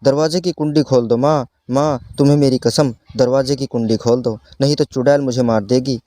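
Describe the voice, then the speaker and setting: A man's voice: medium pitch, steady tone, a little fast, warm tone, natural voice. A man voicing a frightened, feverish young girl who pleads with her parents, in a storybook reading. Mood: frightened pleading. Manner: pleading, fearful.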